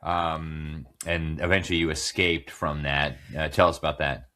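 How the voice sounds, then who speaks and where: A man's voice: a bass voice, little pitch movement, normal speed, sharp tone. A man hosting a political interview, talking conversationally with frequent fillers and hesitations. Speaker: interview host.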